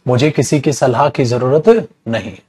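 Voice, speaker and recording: A man's voice: mid-range voice, warm tone, husky. A middle-aged man teaching English grammar in a casual, teasing lecture style, calling students "beta". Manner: slow, chatty, teasing, calls students beta.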